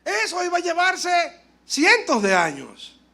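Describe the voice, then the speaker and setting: Male pastor, fiery sermon delivery, high bright voice, acts out dialogue. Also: unhurried, gravelly. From Dominican Republic. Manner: animated, swings between loud exclamations and soft asides.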